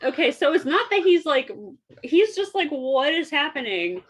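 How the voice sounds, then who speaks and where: High-voiced woman running a tabletop game. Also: very animated, moderate pace, slight background noise. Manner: giggly, loose, swearing narration. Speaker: game master.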